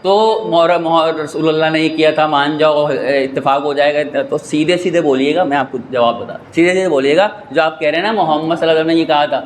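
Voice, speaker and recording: High-pitched guy preaching a fiery sermon, argues point by point, gets shouty, faint hum behind. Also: steady tone, hardly any pauses. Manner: rhetorical, argumentative, rising to shouts. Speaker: cleric giving a mourning sermon. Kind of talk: impassioned religious sermon. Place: mosque prayer hall. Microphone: stand microphone.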